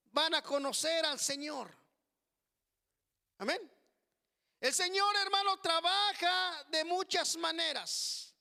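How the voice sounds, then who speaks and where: Male preacher, very high and bright, slow drawn-out delivery, long reverb of a church hall. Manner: slow, drawn-out preaching with frequent "hermano" asides. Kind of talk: sermon.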